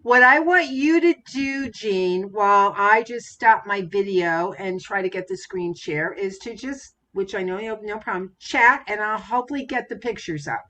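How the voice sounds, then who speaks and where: A woman's voice: medium pitch, normal speed, hardly any pauses, sharp tone. A woman hosting a live online interview, effusive and full of praise, speaking over a video call. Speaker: interview host.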